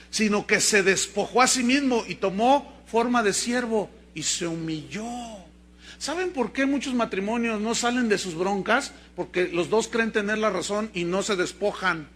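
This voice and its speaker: A man's voice: high-pitched, moderate pace. A middle-aged man with a Mexican Spanish accent, a pastor preaching a sermon and acting out the voices in his own stories. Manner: lively storytelling preacher, acting out dialogue.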